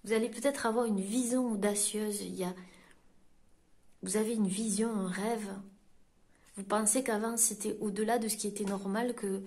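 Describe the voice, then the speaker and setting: A French woman works as a medium and gives a card-reading guidance to her audience. Her delivery is halting, full of pauses and restarts as she searches for the right words. Her voice sits at an ordinary middle pitch. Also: fairly even intonation, dark tone. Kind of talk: tarot-style guidance reading to camera.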